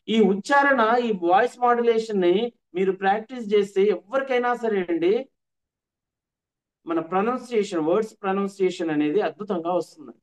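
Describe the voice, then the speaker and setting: High-voiced male trainer. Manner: repetitive, emphatic teaching. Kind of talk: online workshop lecture.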